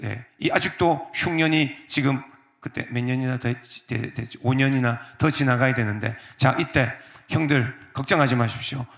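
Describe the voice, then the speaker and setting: A male pastor preaching a sermon, talking in a conversational way with many fillers and softly acting out quoted lines. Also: mid-range voice. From South Korea. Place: church sanctuary. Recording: echoey church sanctuary.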